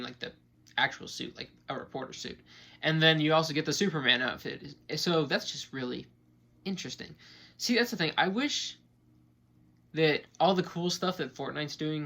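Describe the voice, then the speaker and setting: A man's voice: medium pitch, bright, forceful tone. A man hosting a casual gaming news update, rambling with lots of fillers and self-aware asides. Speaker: host.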